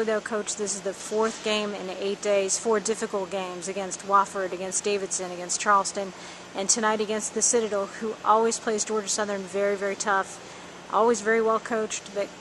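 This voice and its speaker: A woman working as the team's media interviewer, putting prepared post-game questions with statistics in an even delivery. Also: medium pitch, background noise. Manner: scripted, stat-citing, even delivery.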